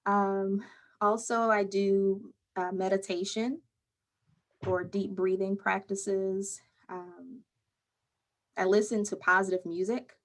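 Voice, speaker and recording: A woman mental health counselor answering interview questions in a calm, measured, explaining way. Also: mid-range voice.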